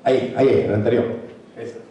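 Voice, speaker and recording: A man giving an animated motivational talk to a university audience, repeating words for emphasis. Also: mid-range voice, a little fast, muffled recording, a little hiss or hum. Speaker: motivational speaker. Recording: echoey hall, speaker far from mic.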